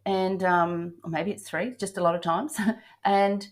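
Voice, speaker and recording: A woman's voice: on the low side, level tone, a little slow, a little hiss or hum. Chatty Australian grandmother podcast host. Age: older. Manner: chatty, laughs often, many ums. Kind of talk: casual travel podcast chat.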